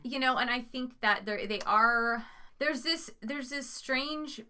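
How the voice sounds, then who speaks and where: A woman's voice: high voice, steady tone, slow pace, sharp tone, clean tone. A woman co-hosting a podcast, chatting casually and laughing often as she recaps a reality show. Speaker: podcast co-host.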